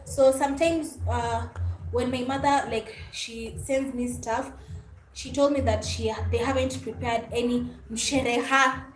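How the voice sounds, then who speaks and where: A high-pitched Kenyan woman hosts a casual livestream chat, speaking a little slowly with a steady tone. She's friendly, mixes English and Swahili, and often thanks and greets her viewers. The room is echoey, with faint background noise.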